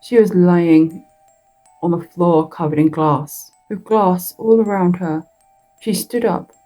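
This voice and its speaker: A woman tells a horror story in a slow, deliberate reading that draws out its words. Her voice sits low, dark and husky. Faint music plays behind her. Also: steady tone, low-quality recording. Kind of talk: spoken horror story narration.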